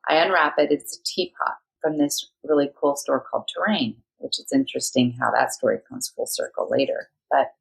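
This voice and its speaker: A woman with a low voice and plenty of vocal fry tells a story as a podcast guest. She talks in a lively, anecdotal way. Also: moderate pace, few pauses, low-quality recording. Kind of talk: storytelling in conversation.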